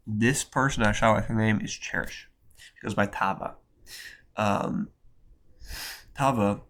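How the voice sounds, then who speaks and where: A young man talking in a loose, rambling vlog style, full of fillers and slang, his voice nasal from a cold. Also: lowish voice. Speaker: photographer vlogger.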